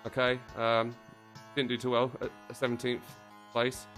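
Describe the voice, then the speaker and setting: A man streaming a video game, chatting casually and excitably, rambling and swearing as he plays. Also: medium pitch, unhurried. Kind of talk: casual livestream commentary while playing. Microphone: close desk mic. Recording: game music playing behind.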